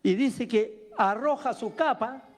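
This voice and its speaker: High-pitched impassioned male preacher. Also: slow pace. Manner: impassioned preaching, rhetorical questions to the congregation. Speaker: pastor. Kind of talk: sermon. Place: church.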